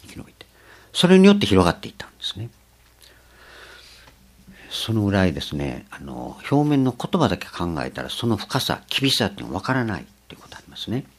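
Older man, sermon, husky voice, lively pitch, unhurried with pauses. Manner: slow, reflective, many pauses and fillers. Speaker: preacher.

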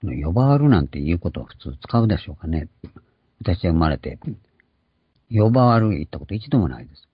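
Older male pastor, deep raspy voice with lively inflection, earnest teaching sermon. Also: brisk, dry recording. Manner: earnest, explanatory, stresses key words. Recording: dull lo-fi recording.

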